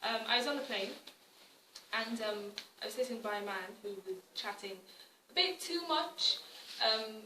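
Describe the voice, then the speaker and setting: A woman's voice: a little high, normal speed, pushed and bright, a little hiss or hum. A young British woman from Wales giving a public talk, conversational and wry, with frequent restarts. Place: arts centre hall. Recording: echoey hall from far off.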